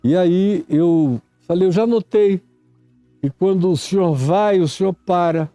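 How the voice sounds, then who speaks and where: A man in his seventies with a Brazilian Portuguese accent, a preacher telling a reflective story in a sermon, unhurried and reminiscing. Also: high voice, mellow, no room sound, soft background music. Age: 70s. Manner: slow, unhurried, reminiscing, acts out stammering syllables.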